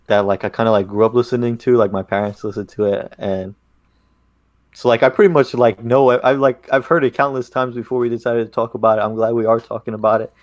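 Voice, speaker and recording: A man's voice: on the low side, dry recording. A young man co-hosting a podcast, easygoing and a bit hesitant, filling with "like". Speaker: podcast co-host. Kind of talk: casual chat.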